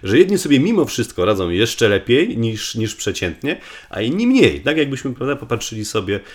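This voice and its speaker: A man's voice: mid-range voice, very animated, normal speed. A man from Poland explains things conversationally as a guest researcher, often repeating words and restarting as he thinks aloud.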